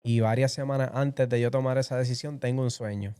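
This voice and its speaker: A man's voice: mid-range voice, steady tone, fairly quick, mellow, clear, resonant tone. Man telling a vivid testimony. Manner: vivid storytelling, acts out quoted voices. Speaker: interview guest sharing testimony. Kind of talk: emotional personal testimony.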